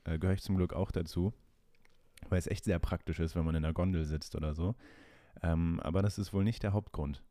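Deep-voiced guy on a podcast, mellow, lots of ums, remote call. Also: steady tone, brisk, no room sound, studio quality. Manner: hesitant, many fillers, questioning. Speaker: podcast co-host. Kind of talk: casual chat. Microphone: remote call recording.

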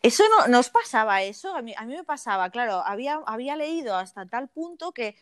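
A woman's voice: fairly high pitch, animated, a little fast. A woman from Spain co-hosting a podcast, casually steering the talk among friends. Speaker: podcast co-host. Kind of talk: casual chat.

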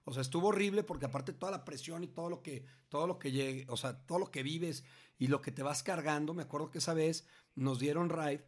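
A middle-aged man with a Mexican Spanish accent tells a story in a casual conversation. His voice sits a little higher than most men's. He speaks in an animated, slangy way and keeps restarting his sentences. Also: fairly quick. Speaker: parent telling a story to his grown child.

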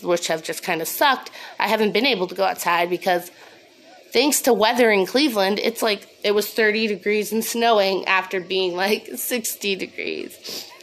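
A woman's voice: medium pitch, a bit bright. A woman podcast host rambling casually and confessionally on her own, candid, sweary and self-deprecating, a little sniffly, recorded on a phone. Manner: snorting laugh.

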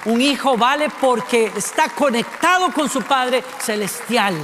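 Costa rican guy preaching, high voice, lots of questions, echoey hall. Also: unhurried, a crowd in the background, background noise. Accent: Costa Rican Spanish. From Costa Rica. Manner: rhetorical questions, shifting pace and loudness for emphasis. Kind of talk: sermon.

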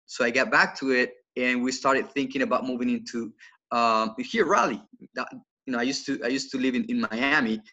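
A Colombian man in his twenties, a financial coach, appears as a guest on a casual podcast and tells his story earnestly in English with a Colombian Spanish accent. He often repeats words as he restarts. His medium-pitched voice is brisk, pushed, and bright, and the highs are cut off.

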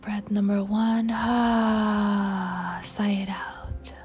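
Very slow, soft whispering woman meditation guide. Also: mid-range voice, flat delivery. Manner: soothing, tender, addressing listener affectionately. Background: music.

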